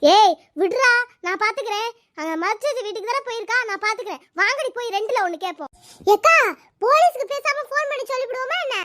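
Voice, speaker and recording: A woman's voice: extremely high pitch, animated, quick pace, fairly bright tone. A woman voicing a fierce, bossy village sister in a cartoon, scolding and giving orders. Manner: scolding, commanding. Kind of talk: cartoon voice acting.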